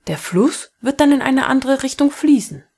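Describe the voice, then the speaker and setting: A patient geography teacher from a storybook, read by a woman in a calm, firm explaining voice. The tone stays breathy. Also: high-pitched, moderate pace, voice pushed up, exaggerated voice.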